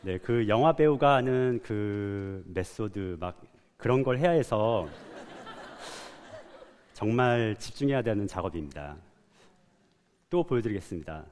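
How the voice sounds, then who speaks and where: A man's voice: fairly low pitch, lively intonation, a little slow, long pauses, darkish tone. Man lecturing in a reverberant hall. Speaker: animator giving a talk. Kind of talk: prepared public lecture.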